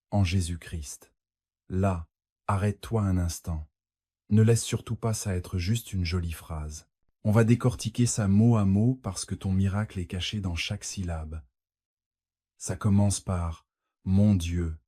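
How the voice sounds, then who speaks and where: A man with a very low, dark voice preaches a fervent sermon, taking his time over every phrase. His tone is husky, and the sound is dry and close, with no room around it. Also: dry recording. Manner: fervent preaching, addresses the listener directly with exclamations of praise. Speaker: pastor.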